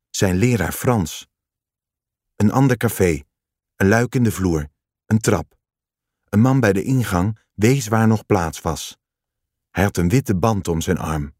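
Slow, low-voiced male storyteller. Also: a little mellow, breathy edge, dry recording, studio quality. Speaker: narrator. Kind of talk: scripted narration of a story.

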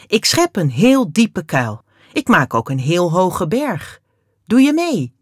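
A woman voicing a young boy in a children's story, speaking in a lively, slightly raised voice. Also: on the low side, slow, slightly rough, dry recording, clean studio sound, heavily acted. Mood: cheerful. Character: young boy, cheerful then sulky and angry.

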